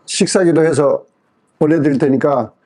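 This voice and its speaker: A man with a fairly high voice and a soft, mellow tone is preaching. He tells a personal story from the pulpit, taking on the voices of the people he quotes. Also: normal speed. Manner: lively storytelling that acts out quoted speech. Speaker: pastor. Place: church revival meeting.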